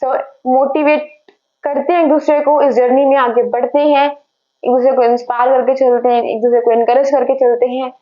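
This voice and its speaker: A woman's voice: sits high, little pitch movement, moderate pace. A young woman vlogging from her room, talking casually to her viewers and slipping English phrases into her talk, often correcting herself. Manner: chatty, mixes English phrases into Hindi, self-correcting. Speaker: study vlogger preparing for a civil service exam. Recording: slightly dull lo-fi sound.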